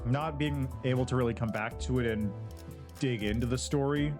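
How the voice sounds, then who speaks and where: Male game streamer, headset mic, mid-pitched voice, rambling and casual over game music. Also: moderate pace. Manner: rambling, loose, lots of "like" and restarts. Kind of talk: casual livestream chat over gameplay.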